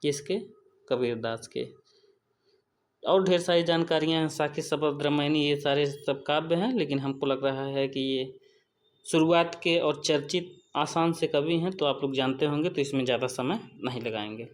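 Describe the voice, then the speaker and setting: A man's voice: fairly high pitch, normal speed. Man repeating answers in an exam-prep lesson. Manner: repeats each answer, asks and answers his own questions. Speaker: Hindi exam tutor.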